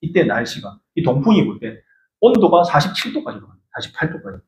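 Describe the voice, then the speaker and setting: A man preaching a Sunday sermon as pastor, animated and questioning his congregation in a church sanctuary. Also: fairly high pitch, fast. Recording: echoey church room.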